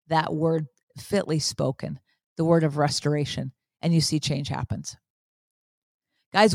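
Woman, 50s, podcast host; earnest faith pep talk, repetitive, pitch leaps on emphasis, dry close recording. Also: creaky, a little mellow, no room sound. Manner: earnest, preachy, repeats phrases, swings up in pitch when emphatic.

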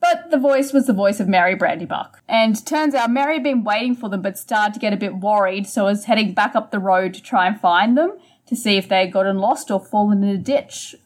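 A woman's voice: mid-range voice, brisk, hardly any pauses. A woman co-hosting a book podcast, steadily retelling the plot in a casual conversational way. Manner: steady storytelling, summarizing the plot. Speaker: podcast co-host.

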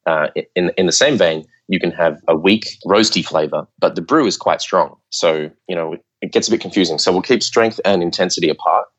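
A man guesting on a podcast, explaining coffee ideas in a relaxed, lecture-like way with plenty of filler words. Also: low voice, fairly quick, few pauses. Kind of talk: casual interview talk.

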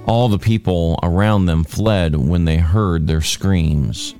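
A man reading scripture aloud for a daily podcast, in a measured, unhurried way. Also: sits low, mellow, clear, resonant tone, faint music behind. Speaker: scripture reader. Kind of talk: Bible reading.

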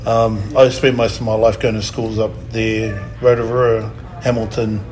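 A man from New Zealand in his fifties with a New Zealand accent, a guest in a casual interview who speaks softly and hesitantly, with many ums. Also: on the low side, little pitch movement, normal speed, slight background noise, low-quality recording.

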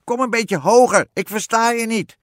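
A shrill, bossy old witch from a storybook fairy tale, as a man puts her on. She shouts down from her tree in a high, cracking voice that swings wildly, with a husky edge. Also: huge pitch swings, normal speed, dry recording, studio quality, exaggerated voice. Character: old scatterbrained female witch in a pear tree. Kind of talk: audiobook storytelling.

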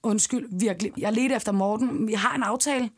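A woman's voice: a little high, husky. A woman voicing an apologetic young man who stammers when caught out, in a Danish audio story. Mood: flustered.

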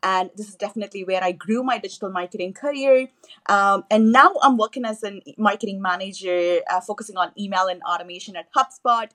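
A Tamil-speaking woman from southern India joins a podcast interview as an eager guest. Her mid-range voice is fairly quick with a sharp tone, and her enthusiastic speech is peppered with fillers and restarts.

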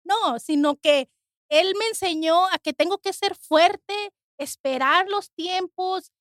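A woman giving an emotional personal testimony, earnest and halting, often restarting her words. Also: very high-pitched, no echo, clean studio sound. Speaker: guest sharing testimony.

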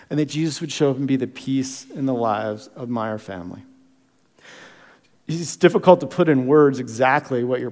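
A man's voice: medium pitch, darkish tone, big-room sound. A man preaching a sermon as pastor, earnest and conversational, often restarting his words. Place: church sanctuary.

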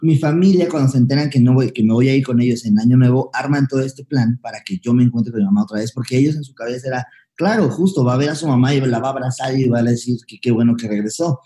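A young Mexican man, a comedian appearing as a guest in a candid storytelling interview, recounts his past in fast, tumbling speech with a Mexican Spanish accent. He slips into slang and acts out what people said, his voice very dark and low in color.

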